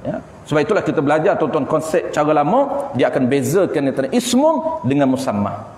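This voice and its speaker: A man's voice: fairly high pitch, sing-song, brisk, a little mellow. Malaysian man teaching a religious class. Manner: explanatory, repeats key terms, asks and answers his own questions. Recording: echoey hall with faint background noise.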